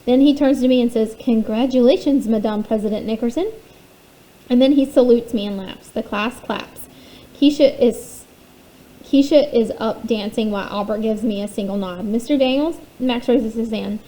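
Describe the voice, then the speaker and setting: Female reader for a chapter-book reading, fairly high, mellow tone, steady storytelling. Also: moderate pace, rough recording. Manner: steady first-person storytelling. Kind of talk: reading a children's novel aloud.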